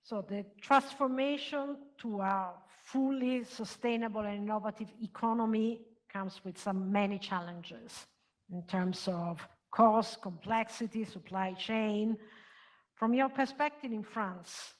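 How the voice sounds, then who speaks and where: A woman's voice: medium pitch, measured pace. A woman moderating a conference panel, introducing speakers and putting questions to them. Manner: introduces speakers and asks questions, light laughs.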